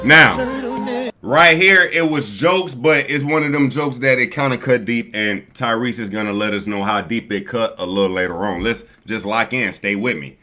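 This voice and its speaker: A male streamer talks over a clip he's watching, loose and slangy, calling his viewers family. His voice is bright and forward at a middling pitch. He is recorded on a streaming mic. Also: normal speed, soft background music. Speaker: streamer host. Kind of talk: casual live-stream commentary reacting to a video.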